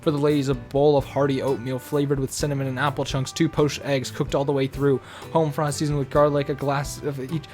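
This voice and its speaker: A man voicing an old male reverend headmaster who prays in a loud, declaiming way. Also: medium pitch, flat delivery, fairly quick, soft background music, close to an everyday voice. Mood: fervent.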